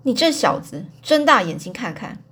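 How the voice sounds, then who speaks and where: A woman's voice: mid-range voice, big pitch swings, normal speed, a bit bright, husky, heavily acted. A woman voicing a hot-tempered male gang thug who blusters and threatens. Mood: menacing. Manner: menacing, blustering.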